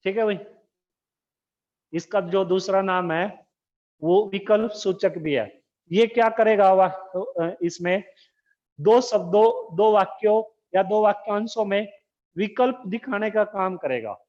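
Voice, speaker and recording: A man teaching a school grammar lesson, slowly dictating terms and repeatedly asking the class questions. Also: sits high, a little mellow. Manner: slow, repetitive dictation. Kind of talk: recorded Hindi grammar lesson. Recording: dull lo-fi recording.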